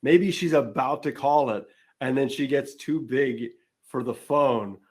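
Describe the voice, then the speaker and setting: A man's voice: unhurried, a little mellow. Rambling man brainstorming story ideas. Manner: rambling, acts out quoted lines in higher voice. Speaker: podcast host. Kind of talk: casual brainstorming chat.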